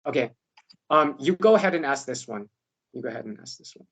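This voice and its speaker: A man speaks over a video call whose connection keeps dropping, so his words come through choppy and clipped. His delivery is halting, with phrases breaking off mid-word. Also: mid-range voice, animated, fairly bright tone, slightly rough. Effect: choppy audio that keeps cutting out. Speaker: quiz host. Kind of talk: reading trivia questions on a video call.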